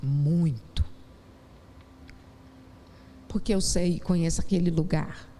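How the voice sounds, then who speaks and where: A woman's voice: fairly low pitch, slow, warm tone. A woman with a Brazilian Portuguese accent preaching a sermon in a church, telling her own testimony with impassioned, rising exclamations. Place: church sanctuary. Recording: long church hall reverb, faint noise.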